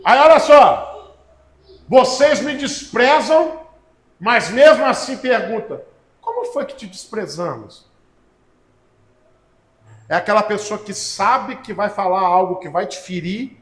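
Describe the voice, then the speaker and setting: A man preaches a sermon in a strikingly high voice. He leans hard on slow, stressed phrases, then rushes through the follow-up, and calls on listeners by name. The room around him rings with echo. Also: animated. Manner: talks to the listeners directly, calling on people by name. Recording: echoey room.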